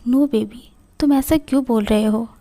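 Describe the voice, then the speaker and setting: A woman's voice: fairly high pitch, normal speed, dark tone, natural voice. A woman voicing a doting middle-aged mother comforting her son. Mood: tender.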